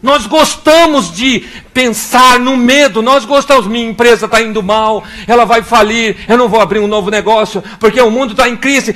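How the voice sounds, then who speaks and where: With a very high voice, a young pastor from Brazil gives a lively sermon in a Brazilian Portuguese accent. He acts out little scenes and prayers, switching between different voices.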